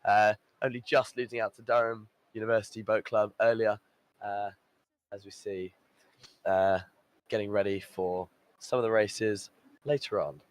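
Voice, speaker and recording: A man's voice: fairly low pitch, little pitch movement, normal speed, low-quality recording. Upbeat man commentating a live event. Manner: enthusiastic, upbeat, lots of praise and fillers.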